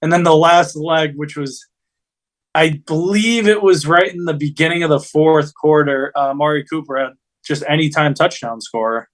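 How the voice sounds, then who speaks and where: Man, slightly high voice, casual sports chat, rambling, slangy. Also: moderate pace. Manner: informal, slangy, rambling storytelling. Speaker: podcast co-host.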